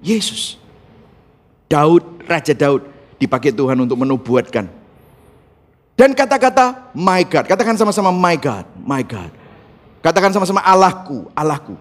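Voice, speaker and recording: A man with a notably high voice preaches a fervent sermon. He speaks to the congregation directly and with great emphasis as a pastor, slipping English terms into his talk. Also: sing-song, moderate pace, pauses often. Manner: mixes English words into his speech.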